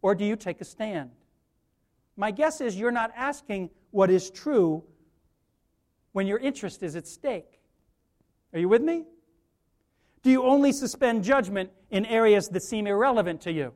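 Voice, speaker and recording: A man's voice: sits high, lively intonation, normal speed, long pauses, a little mellow. A male pastor delivering a sermon, rising into emphatic preaching and putting questions to the congregation.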